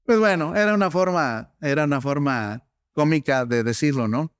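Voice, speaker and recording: A man's voice: a little high, moderate pace, smooth, no echo, clean studio sound. A middle-aged male pastor, preaching a sermon in a conversational, storytelling way with many asides to the congregation.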